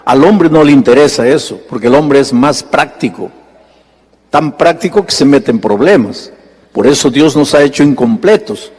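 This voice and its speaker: A male preacher acts out the dialogue of a story within his sermon, voice jumping upward in animated bursts, recorded with long reverb from the hall.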